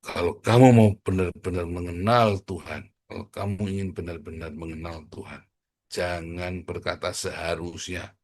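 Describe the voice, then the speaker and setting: A middle-aged pastor preaches bluntly, joking and provoking as he addresses the congregation as brothers and sisters. His deep, husky voice is a little mellow, with fairly even intonation and a normal speed.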